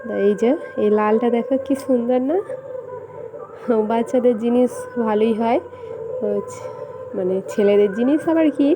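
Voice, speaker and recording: A young woman vlogger chatting casually and speaking softly at home so her sleeping son stays asleep. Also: a little high, normal speed, long pauses, noisy background. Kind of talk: casual vlog chat. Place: at home indoors. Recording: home recording with music playing nearby. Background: fair music playing nearby.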